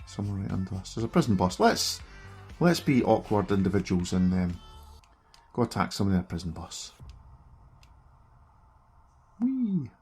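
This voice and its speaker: A man's voice: low-pitched, fairly quick, a little mellow, husky, soft background music. A middle-aged man with a broad Scottish accent, giving chatty, self-deprecating live commentary as he plays games. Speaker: streamer reviewing a gaming handheld. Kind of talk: casual live gameplay commentary.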